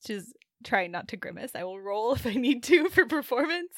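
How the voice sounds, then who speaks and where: A woman's voice: fairly high pitch, sing-song, moderate pace, no room sound, studio quality. A woman who plays a tabletop game, casually narrating her character's reactions.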